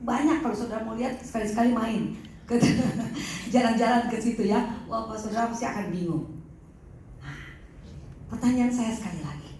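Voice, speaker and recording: Animated woman teaching in an echoey hall. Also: on the high side, moderate pace, a little hiss or hum. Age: middle-aged. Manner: animated, acts out patients' voices. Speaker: counselor giving a talk. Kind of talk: teaching talk to a group. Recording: echoey hall, mic at a distance.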